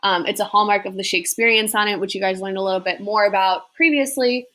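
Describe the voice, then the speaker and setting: A young adult woman teaching a casual lesson, reading verse slowly and explaining it in a chatty way full of fillers. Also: medium pitch, fairly bright tone. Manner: slow, deliberate reading of verse.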